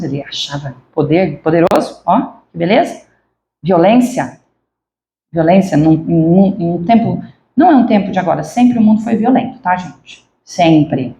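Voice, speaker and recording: Woman, spiritist lecture, conversational, gravelly, echoey hall. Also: fairly low pitch, mellow, slight background noise. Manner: conversational, asks the audience questions. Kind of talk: lecture to a congregation.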